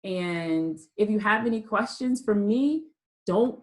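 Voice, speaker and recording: A woman's voice: medium pitch, slow, low-quality recording. A woman instructor giving a college writing lesson over a video call. She talks with frequent ums and restarts. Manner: hesitant, many ums and restarts. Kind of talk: online class lecture.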